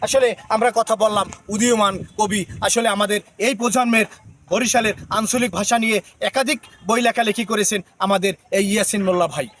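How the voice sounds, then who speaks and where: A man's voice: sits high, fairly even intonation, a little fast, a bit bright, a little hiss or hum. A man reporting the news and interviewing a guest, peppering his sentences with the same filler word. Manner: repeats filler "actually" often.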